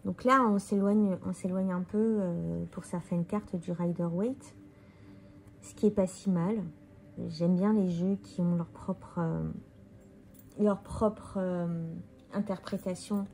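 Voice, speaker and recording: A fairly low, darkish female voice speaks slowly in a steady tone against slight background noise. Tired and casual, the tarot reader reflects aloud while turning over cards to present her deck.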